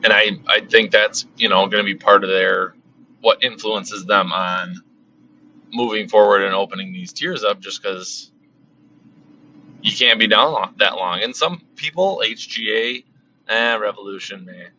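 In an unhurried, casual monologue about card collecting, this male host rambles, repeats himself, leans on fillers, and gradually loses his voice. His fairly low voice sounds pushed and bright, and the slightly dull lo-fi recording carries a little hiss or hum.

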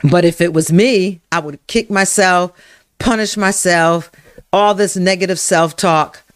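A workshop leader running a live self-help session, speaking to viewers by name, repeating affirmations slowly and guiding breathing exercises. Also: mid-range voice, a bit bright, no echo. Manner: slow, emphatic, repeats affirmations and guides breathing. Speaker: emotional wellness workshop leader.

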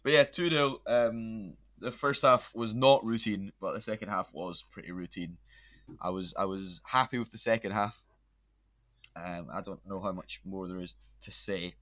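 A man's voice: lowish voice, fairly even intonation, moderate pace, a bit bright, no echo, studio quality. A young man hosting a casual football podcast, chatty and laughing often. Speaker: podcast host.

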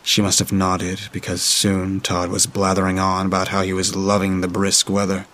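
A man reading a horror story aloud in a dry, steady storytelling manner. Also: low-pitched, moderate pace. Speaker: narrator.

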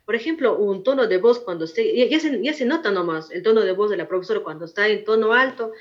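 A woman's voice: mid-range voice, expressive, fast. A woman in her forties, a veteran teacher, answering interview questions in a firm, repetitive, explaining manner. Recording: muffled lo-fi recording.

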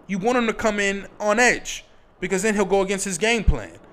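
A man with a somewhat high voice rambles through casual fight-sport commentary. He is blunt and swears freely, piling opinion on opinion in a loose, conversational flow. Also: expressive, fairly quick, a bit bright. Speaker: MMA commentator.

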